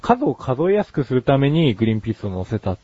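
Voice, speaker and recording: A man's voice: medium pitch, sing-song, fast talker, dark tone, dry recording, highs cut off. A man from Yokohama hosting a casual comedy talk show, joking as he explains food like a mock cooking teacher. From Yokohama, Japan. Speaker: podcast host.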